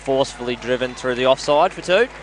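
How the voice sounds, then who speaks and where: Aussie guy calling indoor sport, measured and analytical, normal mid voice, some venue noise behind him. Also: medium pitch, some chatter behind. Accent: Australian. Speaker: sports commentator and coach. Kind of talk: live match commentary with analysis. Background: indoor sports venue with games nearby.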